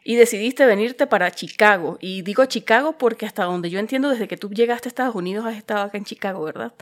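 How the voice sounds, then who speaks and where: A woman's voice: medium pitch, fast. A woman hosting a podcast interview, talking in a friendly, chatty way with light jokes. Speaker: podcast host. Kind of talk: conversational interview.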